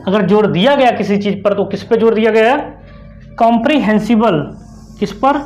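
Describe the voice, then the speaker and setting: A young woman with an Indian accent teaching an online exam-prep lesson, putting quick questions to the class and answering them herself, repeating the key terms. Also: medium pitch, a little mellow, faint music behind. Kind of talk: explanatory online lecture.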